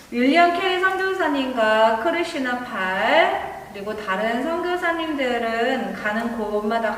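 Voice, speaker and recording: A woman's voice: a little high, slight background noise. A woman telling a story to children as a Sunday school teacher, narrating in an explanatory way. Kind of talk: storytelling to children, missionary tale. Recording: very echoey hall, distant microphone.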